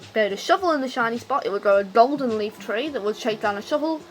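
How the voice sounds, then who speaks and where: A woman's voice: fairly high pitch, lively intonation, quick pace, slight background noise, poor audio. A drunk woman on a rambling, unscripted rant about her hobby, loose-tongued, opinionated and emphatic in an exasperated way. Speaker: video game commentator.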